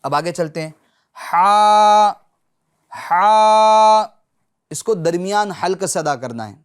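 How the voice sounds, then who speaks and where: A man teaching Quran recitation who says each letter sound slowly and loudly, again and again, and stops often to check that his students are following. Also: on the high side, expressive. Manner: patient, checks in often with short confirmations. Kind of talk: Urdu lesson on pronouncing Arabic letters.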